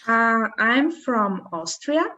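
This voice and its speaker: A woman in her twenties from the Dominican Republic, a podcast guest talking in a halting way, searching for words. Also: fairly high pitch, lively intonation, sharp tone, highs cut off. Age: 20s. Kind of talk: casual interview chat.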